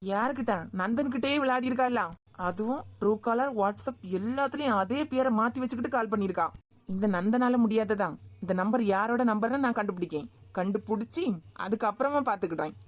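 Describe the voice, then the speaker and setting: A woman plays a scheming young man in a cartoon, with a Kanyakumari Tamil accent. He talks fast and sits a little high. He is pushy and quick to turn menacing. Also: natural voice. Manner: pleading then menacing. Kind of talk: cartoon web series voicing.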